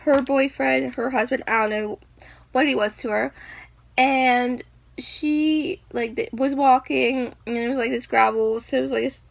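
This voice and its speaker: A woman's voice: high-pitched, unhurried, gravelly, dry recording. A young woman telling stories casually, rambling with many fillers and acting out what people said. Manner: animated, acting out quoted screams. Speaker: vlogger. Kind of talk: casual storytelling.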